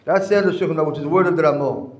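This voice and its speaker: A man's voice: fairly high pitch, very fast, darkish tone, dull audio. Man, rabbi, storytelling lesson, repeats phrases, reverberant room. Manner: teacherly, repeats and restates phrases. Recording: echoey room.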